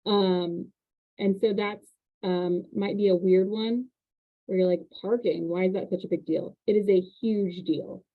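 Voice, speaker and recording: A woman hosting a casual chat about renting, telling animated stories about parking. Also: mid-range voice, measured pace. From Indiana. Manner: chatty, animated storytelling with laughs. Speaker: real estate agent and host. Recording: tinny phone-like line.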